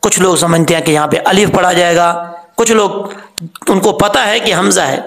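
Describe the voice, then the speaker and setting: A man teaching Quran pronunciation, who explains a rule and then stretches out each sound slowly to model it. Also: sits high, fairly bright tone, echoey room. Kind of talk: tajweed lesson.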